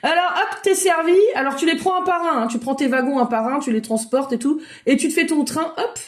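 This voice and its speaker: A woman leading an online drawing workshop for children, guiding them with lively, encouraging make-believe storytelling over a video call. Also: high-pitched, brisk. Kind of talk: playful storytelling drawing lesson for kids.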